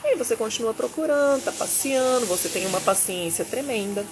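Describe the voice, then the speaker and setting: A woman's voice: fairly high pitch, fairly quick. A woman, a business consultant giving a teaching talk into a Bluetooth mic, acting out both sides of her anecdotes. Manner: animated storyteller, voices both sides of dialogues.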